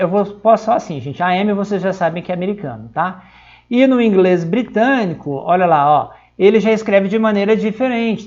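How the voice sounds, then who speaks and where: A chatty man from São Paulo, Brazil, teaches English in a live-streamed online lesson, constantly checking in with tag questions. His voice is high-pitched, and the audio sounds dull.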